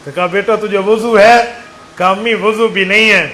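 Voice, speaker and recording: High-pitched fervent Saraiki-accented preacher. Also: male voice, fairly even intonation, moderate pace, pushed and bright, a little hiss or hum, low-quality recording. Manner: counts aloud and quizzes the audience. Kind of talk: sermon.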